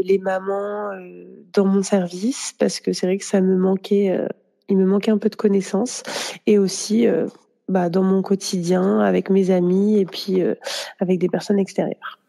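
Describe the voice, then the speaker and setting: A woman, a nurse and lactation consultant answering interview questions casually, pausing often with fillers. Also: medium pitch, little pitch movement, gravelly, mellow. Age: 30s. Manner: hesitant, many fillers.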